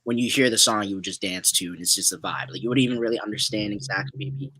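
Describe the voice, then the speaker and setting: A man's voice: fairly low pitch, steady tone, fast talker, bright, forceful tone, no echo, low-quality recording. A young man from Zimbabwe, a guest musician answering interview questions in a loose, laid-back way full of fillers.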